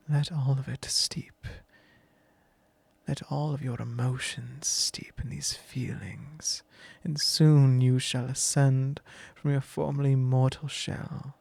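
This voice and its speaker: In an ASMR roleplay, a man plays a possessive, commanding vampire lord, speaking slowly, low and intimately, often in a whisper. His voice is gravelly, husky and somewhat dark, with no echo on the recording.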